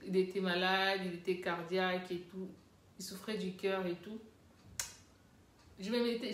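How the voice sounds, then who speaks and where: Heartfelt woman in a roomy echo. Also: mid-range voice. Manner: heartfelt, rambling, repeats herself. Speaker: mother telling her family story. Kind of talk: casual personal testimony.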